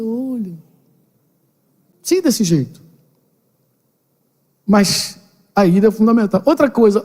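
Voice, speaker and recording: An older man, a pastor, giving a lively conversational sermon to a seminar, acting out little dialogues with playful slang. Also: very high voice. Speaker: pastor leading a parenting seminar. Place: church building hall. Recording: long hall reverb.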